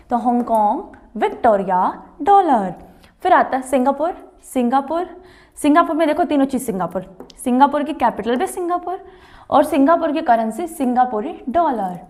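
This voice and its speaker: A woman teacher giving a board lesson for exam preparation, slowly repeating names and asking students to say them back. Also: high voice, a little mellow. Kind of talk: whiteboard exam-prep lesson. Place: classroom with a board.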